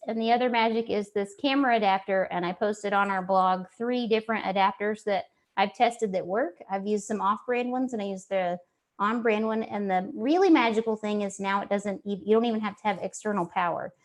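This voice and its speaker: Chatty Texan woman on a video call. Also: mid-range voice. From Texas. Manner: chatty, enthusiastic, self-mocking. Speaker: co-host. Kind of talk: casual video-call chat.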